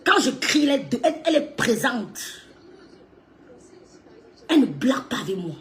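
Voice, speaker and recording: Laughing partway through sentences and saying things more than once, a woman scolds someone in a heated live-stream rant. She's a social media streamer whose voice runs on the high side, swinging widely in pitch at a moderate pace.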